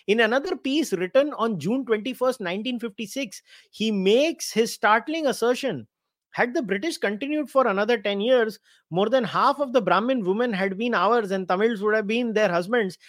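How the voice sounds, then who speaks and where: A man's voice: sits high, fairly bright tone, dry recording, clean studio sound. A man with an Indian accent hosting casual live commentary, speaking in an opinionated, sardonic and emphatic manner. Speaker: host of a commentary live stream. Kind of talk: casual live commentary, reading out quotes and answering viewers.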